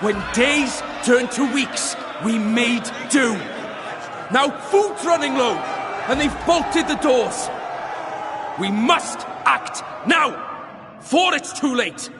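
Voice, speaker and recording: Desperate, high-voiced settler, over noisy ambience. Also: male voice, animated, takes it slowly, raised voice, exaggerated voice. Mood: urgent, desperate. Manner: declamatory, urgent. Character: desperate trapped settler, urgently rallying others. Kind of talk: dramatic video game monologue. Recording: noisy, with crowd ambience behind.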